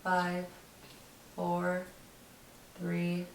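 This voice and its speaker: A woman's voice: on the low side, completely flat delivery, drawn-out words. A woman talking casually as she investigates the paranormal for a vlog, speaking in an incredulous, informal way. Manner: swears in disbelief. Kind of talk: casual ghost-hunt vlog chat. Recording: roomy, distant mic, faint noise.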